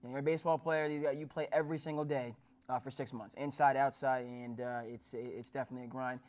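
His voice is mid-range and steady, a little mellow, and he talks fast. He's a New Jersey man in his thirties hosting sports talk in a small studio with a dark backdrop, speaking formally yet with many fillers and restarts.

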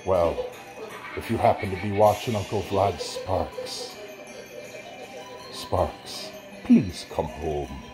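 With mallet and xylophone music behind him, a deep-voiced man performs as a gloating, sinister old vampire-like uncle hosting a show. His manner is sly and theatrical, and he lingers over each menacing pronouncement, breaking into cackles between lines.

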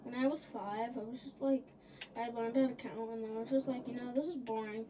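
A woman's voice: on the high side, steady tone, brisk. A woman giving rambling, silly commentary while playing a video game. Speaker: gaming video creator. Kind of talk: gameplay commentary. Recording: noisy background.

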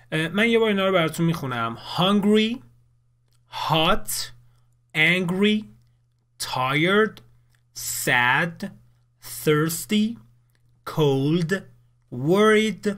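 A man teaching English in a recorded lesson, explaining clearly in Persian and saying the English words slowly. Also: a little high, a bit bright.

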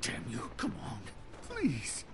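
A man's voice: mid-range voice, huge pitch swings, takes it slowly, noisy background. An actor voicing a sleazy, cowardly middle-aged male official in a story game, stammering and pleading. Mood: frantic.

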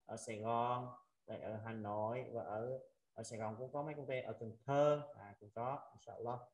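A man's voice: medium pitch, fairly even intonation, a little mellow, highs cut off. Male teacher on a video call, patient and repetitive, roomy echo. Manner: patient, repetitive, drawn-out drilling of sounds with frequent "à" fillers. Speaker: Arabic teacher. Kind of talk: online language lesson.

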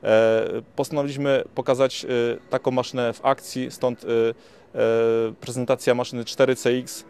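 A young man speaking as a company representative at an outdoor trade fair, slow and halting with many fillers, into a handheld mic. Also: mid-range voice, little pitch movement, a little mellow, smooth. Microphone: handheld reporter mic.

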